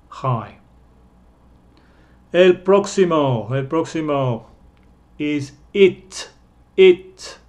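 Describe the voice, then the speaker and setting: A man teaching vowels to Spanish speakers at a very slow, deliberate pace, his voice sitting a little higher than most men's. He repeats each vowel sound over and over and leans on it for emphasis. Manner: repeats vowel sounds many times, stressing them louder; slips and corrects himself. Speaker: English teacher.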